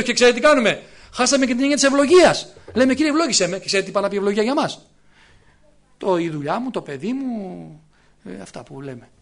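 A man's voice: very high-pitched, a bit bright. A man in his fifties preaching a sermon, emphatic and full of rhetorical questions to the congregation. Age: 50s.

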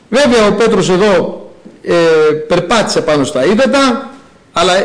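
Animated preacher man. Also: low-quality recording. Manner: animated storytelling with sudden high bursts. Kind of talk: sermon.

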